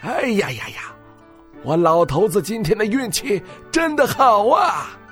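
A woman's voice: mid-range voice, big pitch swings, measured pace, soft background music, voice pushed down. A woman voicing a jolly old fisherman in a children's story, exclaiming in delight. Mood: gleeful.

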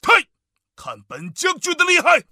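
A man voicing a bold, boastful army general in a children's story, speaking loudly and with authority. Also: very high-pitched, huge pitch swings, unhurried, no echo, clean studio sound, voice pushed up, heavily acted. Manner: loud, proud, commanding.

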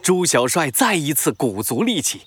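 A narrator reading a scripted children's story in a dramatic, expressive way. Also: mid-range voice, moderate pace, background noise.

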